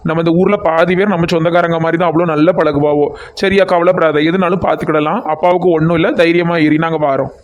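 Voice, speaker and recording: A calm, sensible village man in a cartoon, gently scolding and reassuring as a man voices him, with a southern Tamil Nadu accent. His voice sits high for a man. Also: fast, hardly any pauses, close to an everyday voice. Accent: southern Tamil Nadu (Kanyakumari–Tirunelveli).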